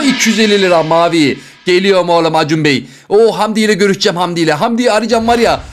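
A man playing an online game show for his channel, joking and reacting loudly as he picks boxes. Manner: excitable, jokey, rapid banter with swings in pitch. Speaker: gaming YouTuber.

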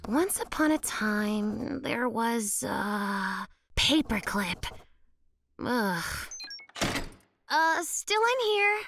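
A woman's voice: on the high side, drawn-out words, slight background noise, heavily acted. A woman voicing an eager, flustered young female yeti in a cartoon, talking to herself and sighing. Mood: frustrated. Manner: animated, sighing, talks to herself. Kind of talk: cartoon voice acting.

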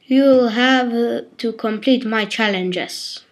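A woman's voice: on the high side, takes it slowly. A woman putting on a theatrical game villain. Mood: menacing. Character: menacing villain challenging intruders to deadly games.

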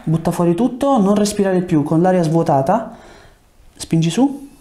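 High-voiced and lively in intonation, this thirtysomething male chiropractor talks at a moderate pace with a dark tone. His lapel mic catches him in a small indoor treatment room, prompting and questioning a patient in short, directive bursts while explaining.

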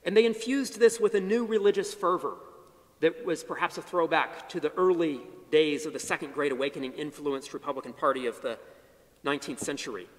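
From a podium on a big chapel stage, a middle-aged man gives a measured academic lecture on history. Each phrase begins with emphasis and drops to a low ending, captured through a podium mic with long hall reverb.

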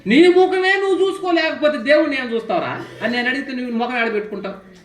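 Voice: high-pitched, fast talker. A spiritual teacher giving a devotional discourse, often putting questions to the listeners and telling folk parables. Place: ashram hall. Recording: roomy hall echo.

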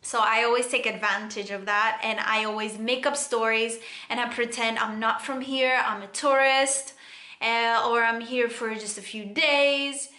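A young woman from Cyprus with a Greek Cypriot accent, chatting casually to camera in an animated, laughing way from a bedroom. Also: fairly high pitch, a little slow. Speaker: vlogger. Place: bedroom, indoors. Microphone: camera in front, close framing. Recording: echoey room with faint music.

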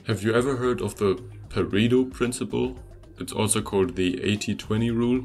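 A young man whose first language is German hosts a language-learning video, reading a scripted lesson as voice-over in a fairly low voice. He's upbeat and conversational, addressing his viewers directly. A quiet guitar track plays softly behind him the whole time.

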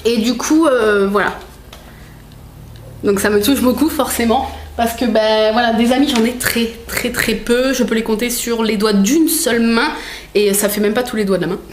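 A woman vlogger with a slightly high, steady voice talks at a moderate pace while opening presents at home. Her chatter rambles with many fillers and self-corrections, and she laughs often and teases playfully; the room echoes, and a little hiss or hum is audible.

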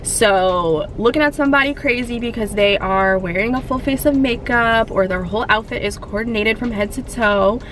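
A young woman in a fitness vlog, talking bluntly and in an animated way, recorded from the dashboard of a parked car. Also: fairly high pitch, moderate pace, few pauses, slight background noise. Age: young adult. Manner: blunt, animated, sassy, gestures while talking. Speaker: fitness vlogger. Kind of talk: casual chatty vlog. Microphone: camera on the dashboard.

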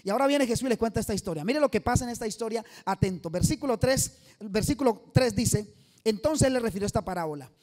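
He is a fast talker with a high, darkish voice and lively intonation. At a church service before a live audience, he preaches an evangelistic sermon emphatically, quizzing the congregation for answers.

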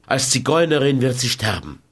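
A man's voice: medium pitch, big pitch swings, normal speed, fairly bright tone, husky. A man doing a defiant, fatalistic young woman. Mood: cold defiant. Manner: cold, resolute, unyielding. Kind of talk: audiobook character voice.

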